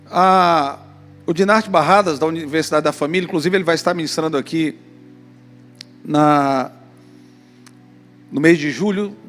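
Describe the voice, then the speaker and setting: A Brazilian pastor with a fairly high voice tells an animated story from the pulpit, speaking straight to the congregation. His voice rings with a long echo in the church hall. Soft music sits faintly behind it. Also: normal speed, pauses often. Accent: Brazilian Portuguese. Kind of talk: sermon with storytelling.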